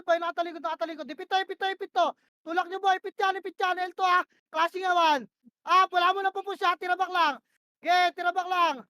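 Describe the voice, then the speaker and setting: A woman with a very high, piercing voice runs her team's plays in a tactical shooter. She snaps out short commands again and again and curses when the team lags. Her headset sound is dry and close. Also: pushed and bright, dry recording. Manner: barks short repeated commands, swears when frustrated. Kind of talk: rapid in-game voice comms.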